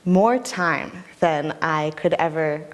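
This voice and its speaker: A woman with a low-pitched voice speaks in an interview. Her praise is warm and admiring. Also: takes it slowly.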